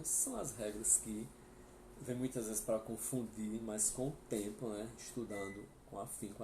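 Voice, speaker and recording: A man from Brazil with a Brazilian Portuguese accent, teaching a live online Spanish class and patiently explaining each word with frequent checks like "tá?" and "né?". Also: on the low side. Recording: echoey room with faint ambient noise.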